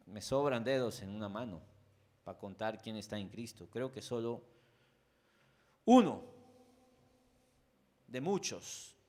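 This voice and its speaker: A man with a Mexican accent preaching a conversational sermon. He speaks straight to his listeners with frequent asides, swinging between loud, emphatic peaks and quiet, low lines. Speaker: pastor.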